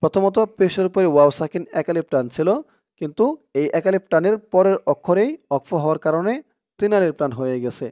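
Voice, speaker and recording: A man with a Bangladeshi Bengali accent teaching Quran reading, spelling out letters and drawing out chanted words slowly. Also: on the high side, mellow, no room sound, clean studio sound. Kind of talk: slow recitation lesson.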